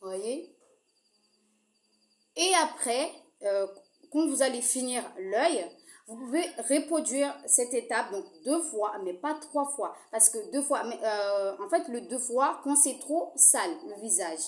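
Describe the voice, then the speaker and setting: A woman's voice: fairly high pitch, animated, takes it slowly. A woman giving a casual skincare how-to, talking straight to her viewers with a hesitant delivery full of fillers, and she apologizes for her own accent. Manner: hesitant, many fillers, addresses viewers directly. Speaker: skincare tutorial host. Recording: echoey room.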